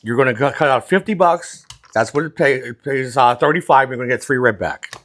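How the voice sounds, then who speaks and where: A man's voice: medium pitch, fairly quick, fairly bright tone. A plain-spoken man working as a craps dealing instructor, explaining things step by step in a casual, hands-on teaching style.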